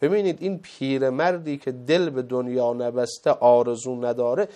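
A man preaching a sermon with passion, rising to loud exclamations and dropping to soft asides, acting out the dialogue of his story. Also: fairly even intonation. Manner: impassioned, swings between loud exclamations and soft low asides; acts out quoted dialogue in the story.

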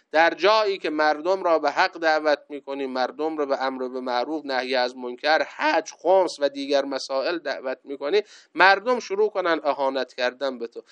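A man's voice: on the high side, clean tone. Resonant-voiced male preacher. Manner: recites Arabic sayings slowly, then explains them in lists. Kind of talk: religious lecture.

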